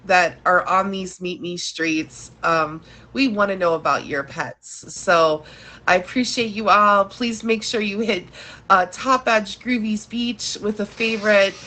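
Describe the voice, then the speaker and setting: A woman hosts a casual live show in a bright, forward voice. Her nose is blocked, so she sounds congested and nasal. She takes her time as she chats to her audience and thanks them again and again. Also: medium pitch, unhurried. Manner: effusively thankful, addresses audience as "you guys". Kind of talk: casual livestream chat to viewers.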